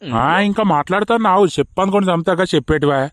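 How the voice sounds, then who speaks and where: A man's voice: sits high, lively intonation. A man with a Telangana Telugu accent playing an angry village father who rants bitterly about his son. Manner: fast, bitter ranting.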